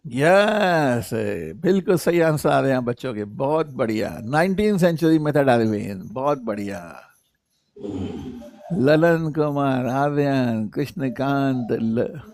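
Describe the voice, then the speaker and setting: A man teaching biology in an online live class, reading English definitions slowly and explaining them in Hindi, calling students 'sahab' and reading their names from the chat. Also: medium pitch, a little mellow, dry recording, clean studio sound. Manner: addresses students as 'sahab' and 'bachchon', repeats key points.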